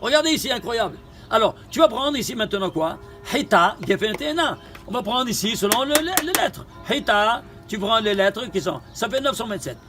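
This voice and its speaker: Rabbi teaching torah, high bright voice, animated, keeps asking questions, faint noise behind. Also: male voice, moderate pace, few pauses, faint music behind. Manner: animated, questioning, repeats phrases. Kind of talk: Torah lesson with gematria.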